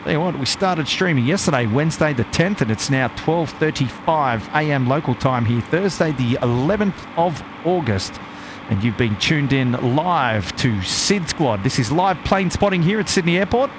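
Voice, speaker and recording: A man's voice: a little high, lively intonation, moderate pace. Casual male streamer with noisy background. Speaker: live stream host and plane-spotting commentator. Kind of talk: casual live commentary.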